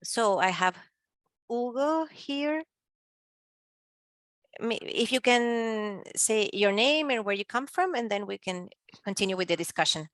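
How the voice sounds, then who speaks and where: A woman giving simultaneous interpretation of a panel discussion, speaking haltingly with pauses and filler sounds. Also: on the high side, lively intonation, a bit bright, no room sound.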